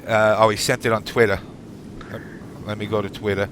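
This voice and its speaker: A man's voice: lowish voice, level tone, brisk, noisy background. A man hosting a live online talk show in an informal, rambling way. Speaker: show host.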